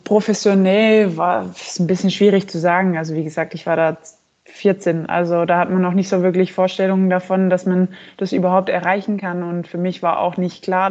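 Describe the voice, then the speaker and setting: A woman in her twenties from Belgium, a handball player answering interview questions in a relaxed, hesitant way with many fillers. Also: lowish voice. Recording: slightly muffled recording.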